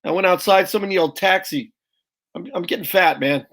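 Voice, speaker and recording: This man is a guest comedian doing stand-up-style joke telling over a video call, brash and punchy, addressing the host as "brother." He speaks a little fast, with a high-sitting voice and a fairly bright tone.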